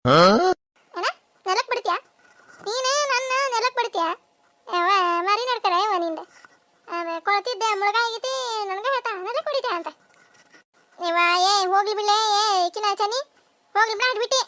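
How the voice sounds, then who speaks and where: Shrill squabbling cartoon village women. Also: pushed and bright. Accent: North Karnataka Kannada. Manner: shrill, scolding, quick back-and-forth banter. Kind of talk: cartoon voice acting.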